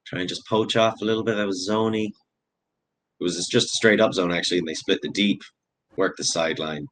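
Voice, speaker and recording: A man's voice: low voice, steady tone, normal speed, fairly bright tone, a little hiss or hum, poor audio. A man giving live play-by-play commentary, chatty and analytical, with self-deprecating asides. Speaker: sports commentator.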